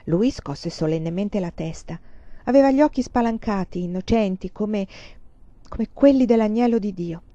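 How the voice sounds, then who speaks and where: A woman reading a novel aloud in calm, even storytelling. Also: medium pitch, normal speed, no echo. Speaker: reader. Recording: slightly muffled recording.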